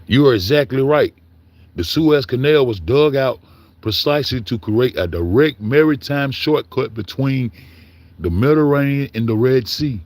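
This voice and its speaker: A man's voice: medium pitch, lively intonation, moderate pace, darkish tone, no room sound, close to an everyday voice. A man reading out a chatbot's reply in a prim, formal, overly polite tone.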